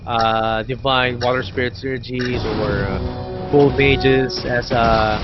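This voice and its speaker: Halting male esports caster, music behind. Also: medium pitch, steady tone. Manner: halting, with many fillers. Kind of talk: live game commentary. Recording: dull lo-fi stream audio with game music.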